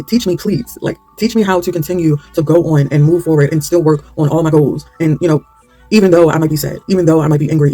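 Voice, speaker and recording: A woman's voice: low-pitched, warm tone. A woman chatting candidly while she does her own hair, rambling and losing her train of thought. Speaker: hair vlogger. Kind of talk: casual chat while styling hair.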